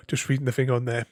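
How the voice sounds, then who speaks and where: A man's voice: mid-range voice, a little mellow, dry recording, studio quality. A man chatting casually on a gaming livestream. He stutters and repeats words, laughs often and keeps thanking his viewers. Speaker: gaming streamer.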